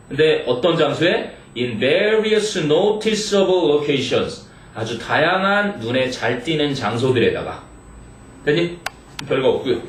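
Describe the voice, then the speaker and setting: A man teaching English to high school students, reading English phrases slowly and checking in with the class. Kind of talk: exam-prep lecture. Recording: echoey room, mic far off, faint noise.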